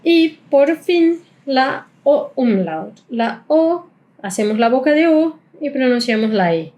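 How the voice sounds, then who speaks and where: Woman teaching, slow careful drills. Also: sits high, expressive, a little mellow. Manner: repeats sounds slowly, drawn-out vowel drills. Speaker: German teacher. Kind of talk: pronunciation lesson.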